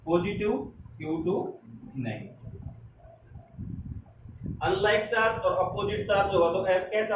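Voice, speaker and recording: Indian teacher lecturing in an echoey room. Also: male voice, sits high. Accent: Hindi-English mix, Indian. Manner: addresses students as "beta", asks rhetorical check questions. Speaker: physics teacher. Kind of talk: classroom lecture, dictating notes slowly. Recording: distant echoey classroom with noise.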